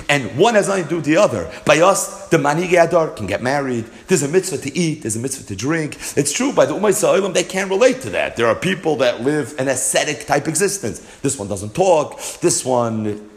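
Animated man giving a Torah class. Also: a little high, normal speed. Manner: mixes Hebrew and Yiddish terms into English; emphatic, rhetorical questions. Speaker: Torah teacher.

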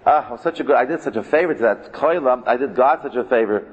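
A man's voice: mid-range voice, fast talker, breathy edge, dull audio, close to an everyday voice. A man voicing a self-important, bragging, falsely modest man who craves honor and respect, in an echoing hall. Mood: self-congratulating.

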